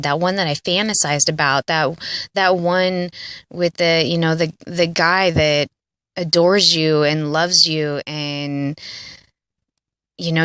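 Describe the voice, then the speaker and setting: An audio blogger in her late thirties delivers an earnest, confessional monologue, rambling and peppering it with "like" and "you know". Her voice is fairly low and fairly bright, captured dry with clean studio sound.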